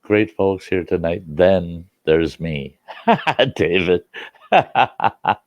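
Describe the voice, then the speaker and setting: Lo-fi and dry, this clip captures a man in his sixties or older hosting a relaxed livestream indoors at home. His low voice has lively intonation, drawn-out words, and a hint of stuffiness in the nose. He tells stories and reminisces in a rambling, folksy manner.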